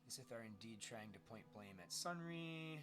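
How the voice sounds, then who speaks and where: A man's voice: medium pitch, lively intonation, moderate pace. A congested man casually commenting on his gameplay, chatting, muttering to himself and answering viewer chat. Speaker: let's play streamer.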